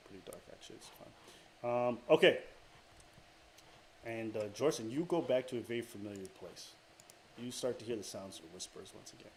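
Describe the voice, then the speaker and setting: A man narrating a tabletop game as dungeon master, hesitant, with frequent fillers and restarts. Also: mid-range voice. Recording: clear background noise.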